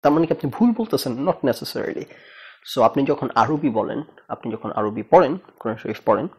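A man from Bangladesh talks through his ideas on his own casual show, asking rhetorical questions and dropping English phrases into his sentences. His voice is gravelly, with a husky edge, and sits at a middling pitch. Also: expressive, moderate pace, a little mellow. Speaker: host. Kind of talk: casual talk-show monologue.

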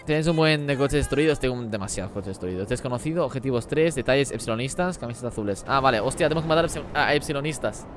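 A man streaming a game live, talking rapidly as he reads and answers the chat. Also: mid-range voice, soft background music. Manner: rapid-fire talk while reading chat. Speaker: gaming streamer.

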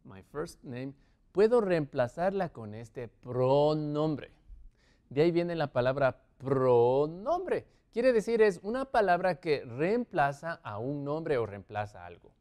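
A man teaching English to Spanish speakers, slowly drawing out each model phrase as he explains at a board. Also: fairly high pitch, big pitch swings, darkish tone.

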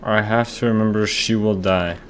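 A young man at home casually commentating a horror game, excitable and jumpy, with lots of slang. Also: fairly low pitch, normal speed, slight background noise. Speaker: gamer. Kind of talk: let's-play commentary.

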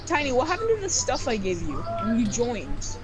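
A woman's voice: fairly high pitch, huge pitch swings, brisk, a crowd in the background. A woman playing a game with friends, teasing them and laughing in casual banter. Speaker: fellow player. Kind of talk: casual gameplay chat. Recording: loud background music under the voice.

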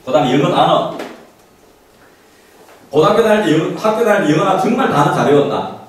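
Picked up from a distance in a very echoey small classroom, a middle-aged man gives parents an informal talk on study methods. He speaks fairly quickly, his slightly high voice swinging widely in pitch as he stresses points and fires off rhetorical questions, animated throughout. He has a handheld mic, but the camera recording him is far away, and background noise can be heard.

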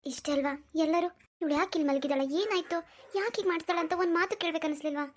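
A woman's voice: very high voice, very fast, a little hiss or hum. A woman voicing a young cartoon wife who feels hurt and resentful toward her husband, with sulky, wounded complaints. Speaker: cartoon character. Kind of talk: animated drama voice acting.

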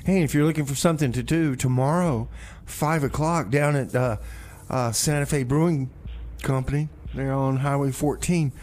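On a community radio music show, a male host chats like a DJ, dropping wry, offhand remarks as he introduces songs and local events. His medium-pitched, slightly mellow voice keeps a moderate pace with barely any pauses, over faint background noise.

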